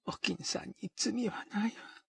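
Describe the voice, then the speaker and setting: A man voicing a bedridden, dying woman who speaks slowly and listlessly in a dry, rasping half-whisper. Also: high voice, fairly even intonation, fairly bright tone, no echo, voice pushed up, exaggerated voice. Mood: weary pleading. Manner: slow, listless, pleading.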